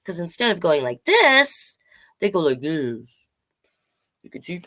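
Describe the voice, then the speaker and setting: A storytime host with a fairly low but fairly bright voice reads a children's picture book a little slowly and very animatedly. She keeps it playful and expressive, stopping for chatty explanations aimed at young children.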